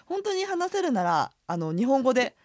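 A woman co-hosts a radio language lesson, modeling tones with a lively, swooping pitch. She walks through the pronunciation one sound at a time. The recording is dry and close. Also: moderate pace, dry recording. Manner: lively, demonstrative tone drills.

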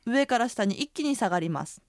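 A woman's voice: fairly quick, no echo, clean studio sound. A woman teaching a radio language lesson, explaining pronunciation with casual fillers. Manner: explanatory, uses fillers, lively pitch.

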